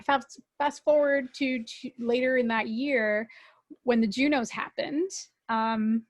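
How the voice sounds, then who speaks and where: A woman from Canada tells a story as a podcast guest, her voice pitched high for a woman. She is animated and swears freely, and she slips into quoted voices as she talks. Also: slow, no room sound. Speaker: guest musician. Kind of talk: casual storytelling.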